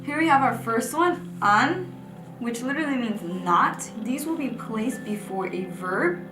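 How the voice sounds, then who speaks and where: The recording is rough and reverberant, with music underneath. A young woman with a rather high, expressive voice speaks a little slowly as she delivers scripted lesson narration for a language class, clearly and patiently explaining each example and frequently pointing to a whiteboard.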